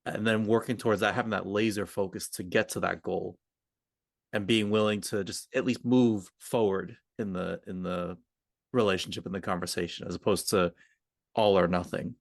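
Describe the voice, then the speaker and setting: This communication coach co-hosting a podcast has a deep, creaky voice with fairly even intonation and a moderate pace, recorded dry at studio quality. He explains ideas off the cuff, often by acting out hypothetical snippets of conversation.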